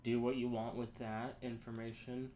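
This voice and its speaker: A young man casually thinking aloud and answering chat on a live coding stream, halting and rambling as he works. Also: medium pitch, level tone, warm tone, slight background noise. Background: keyboard typing.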